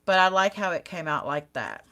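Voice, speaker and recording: A woman's voice: lowish voice, lively intonation, normal speed, fairly bright tone. A woman hosting a live card-making demonstration, chatting casually with her viewers and teasing herself as she works. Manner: self-teasing, laughs at herself. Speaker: card-making channel host.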